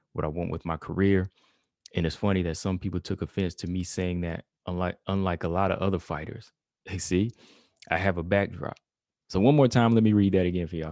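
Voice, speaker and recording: Low-voiced man, casual podcast talk. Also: darkish tone, no room sound, studio quality. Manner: conversational, many fillers like "you know" and "like"; reads quotes aloud then comments. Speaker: podcast host. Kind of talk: casual solo podcast commentary.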